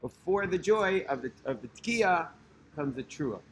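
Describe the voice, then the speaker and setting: A man's voice: fairly high pitch, expressive, a little slow, a little hiss or hum. A man in his thirties, a religious teacher, telling a personal story casually with many fillers.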